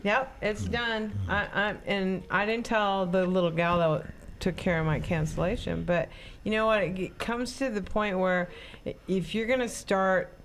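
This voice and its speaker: A woman from Michigan's Upper Peninsula in casual talk, opinionated and quick to laugh. Her pitch sits in the middle, with a faint noise under the recording. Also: steady tone. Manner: chatty, opinionated, laughs often. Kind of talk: casual chat.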